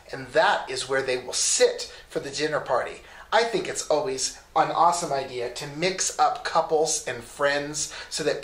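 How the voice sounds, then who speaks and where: A middle-aged man hosting a home entertaining show, proudly walking through his dinner table setup in a measured way. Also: on the high side. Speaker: host. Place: candlelit home dining room. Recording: echoey room.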